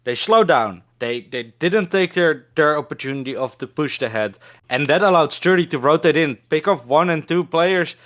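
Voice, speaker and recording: A woman giving excited play-by-play commentary on an esports match. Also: sits low, normal speed. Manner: excitable, speeds up on big plays.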